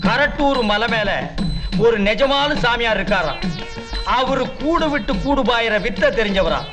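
A man's voice: very high voice, animated, unhurried, music in the background. An actor playing a cowardly fake holy man who scolds visitors and wails when he is cornered. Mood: scheming. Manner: scolding, then wailing in panic. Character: blustering fake swami, cowardly schemer.

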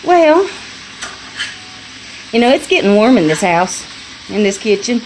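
Filming on her phone in a small home kitchen, a middle-aged homestead vlogger chats casually in a folksy way and laughs easily while food fries and sizzles. Her mid-range voice is very animated and darkish, her pace measured. The low-quality recording carries a little hiss or hum.

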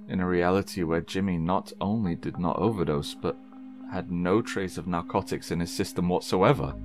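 A man with a very low, deep voice narrates a scripted horror story. His delivery is measured and solemn. Soft music plays faintly behind him. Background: faint background music.

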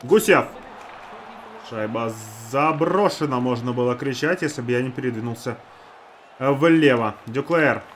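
A man's voice: medium pitch, measured pace, a bit bright, slight background noise. A man giving casual play-by-play of a hockey video game, talking to the players and to himself. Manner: talks to teammates and himself. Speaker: gamer narrating own hockey video game.

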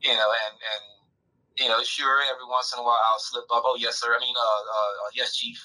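A man's voice: medium pitch, little pitch movement, brisk, bright, forceful tone, low-quality recording. A man, a podcast guest chatting casually in a thoughtful, stop-start way. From Southern United States. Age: 30s. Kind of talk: casual chat.

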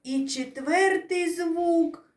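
Slow, sing-song woman teaching small children. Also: very high voice, a little mellow. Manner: drawn-out, sing-song explaining, asking the children questions. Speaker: kindergarten teacher. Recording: echoey room, voice from a distance.

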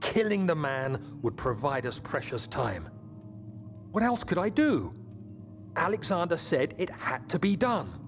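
A man's voice: fairly high pitch, sing-song, a little slow. An actor playing a haunted young man reading his diary aloud in a video game, tense and guilt-ridden. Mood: shaken, guilty. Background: game music.

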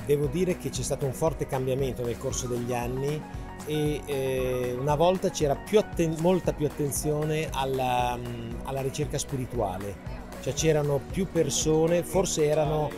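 A man, a publisher at a book fair, speaking in a measured, reflective way in an interview. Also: medium pitch, over music. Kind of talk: interview answers.

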